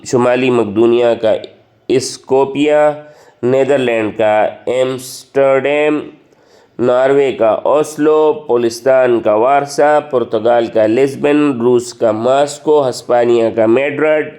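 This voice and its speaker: A man teaching general knowledge, reciting a list of countries and capitals at an even rote pace and slowing down on difficult foreign names. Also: mid-range voice. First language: Urdu. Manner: steady rote recitation, stumbles and slows on hard foreign names.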